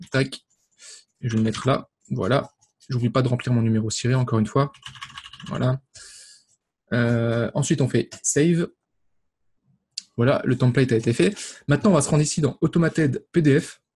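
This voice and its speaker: A man talks through a screen-recorded tutorial at an ordinary middle pitch. He explains each click in a loose, chatty way, filling his pauses with hesitations. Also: a little mellow. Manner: casual, explanatory, many fillers and verbal ticks. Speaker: e-commerce tutorial host.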